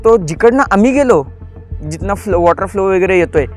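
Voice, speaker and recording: A man's voice: high-pitched, lively intonation, fairly quick, darkish tone, faint music behind. A man from the Pune area, a podcast guest, retelling a scary experience vividly and acting out the dialogue. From Pune area, India. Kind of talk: storytelling in an interview.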